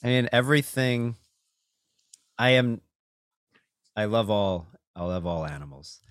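A man's voice: fairly low pitch, lively intonation, measured pace, clear, resonant tone, no room sound, studio quality. A man hosting a casual video call chat, talking in a thoughtful, hedging way with many fillers.

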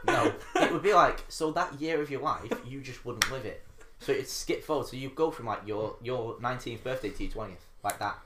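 A man's voice: mid-range voice, brisk, roomy sound, background noise. A man co-hosting a podcast, talking in casual banter and insisting on his point in a jokey way. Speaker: podcast co-host.

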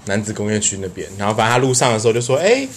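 A young man with a Taiwanese Mandarin accent, telling a story as a podcast co-host in casual chat, animated and often laughing. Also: fairly low pitch, rapid-fire, a little hiss or hum.

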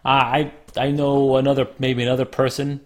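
A man co-hosting a relaxed chat show, his voice a little hoarse and rough from a lingering sore throat. He talks in loose, rambling stretches and often restarts his sentences. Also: mid-range voice, fairly quick. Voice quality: slightly rough, smoker-like. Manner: rambling, self-correcting. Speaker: podcast co-host. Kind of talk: casual chat.

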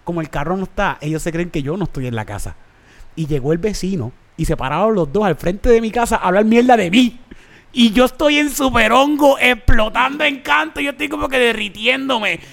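A man hosting a casual comedy podcast, an animated storyteller who laughs often. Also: high-pitched, fairly quick, creaky. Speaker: podcast host.

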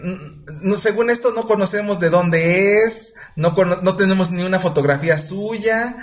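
A man hosting a casual podcast chat, laughing often and pausing on fillers. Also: sits high. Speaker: podcast host.

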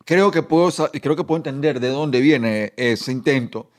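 A man hosting a casual podcast chat, reflective and halting with many restarts. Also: medium pitch. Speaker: podcast host.

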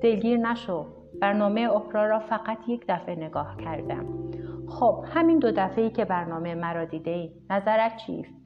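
A woman narrator voicing a famous male television interviewer, speaking in lively, questioning quoted lines, over music on a dull recording. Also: medium pitch, lightly acted. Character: famous male TV interviewer, cautious then bold.

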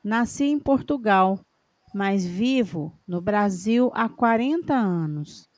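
Woman reading a question out slowly, dry close sound. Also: medium pitch, animated, no room sound.

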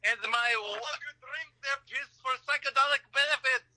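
Guy doing a fake russian prank caller over the phone, super high and shrill, broken english, deadpan. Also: moderate pace, full character voice. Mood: deadpan mock. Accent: put-on Russian. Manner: clipped broken English, deadpan absurd claims. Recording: tinny phone line.

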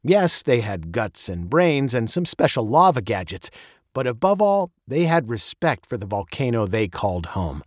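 A male narrator reads a children's chapter book aloud with playful expression. His voice sits in a middle pitch but swings widely, rising high for emphasis and dropping low for asides. The sound is dry, with no room echo. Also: very animated, normal speed. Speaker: audiobook narrator. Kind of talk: scripted storybook narration.

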